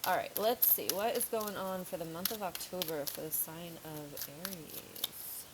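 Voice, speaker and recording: Chatty woman reading tarot, low voice. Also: a little slow, background noise. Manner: chatty, frank, thinks aloud with fillers. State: slightly sore throat, coughing. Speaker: tarot reader. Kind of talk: casual tarot reading to camera.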